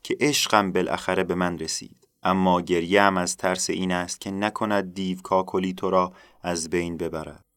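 A man voicing an enchanted young woman in a told folktale, speaking in a soft, pleading way. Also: deep voice, little pitch movement. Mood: fearful.

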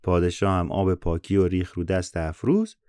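A man reads an old folk tale and mixes a bookish reading with slangy, teasing asides. His voice is on the low side. The sound is close and very dry, with no room at all. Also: warm tone, clean tone, no room sound. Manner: switches between a bookish reading and slangy joking comments. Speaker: storyteller.

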